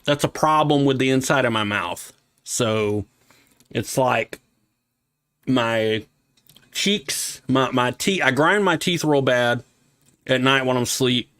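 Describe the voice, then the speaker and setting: A man streaming himself at work, thinking aloud in a halting, casual way, with a slight lisp. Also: medium pitch, a bit bright, clear, resonant tone, no room sound, clean studio sound. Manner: thinking aloud, halting, talks himself through small decisions. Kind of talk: casual livestream commentary while working.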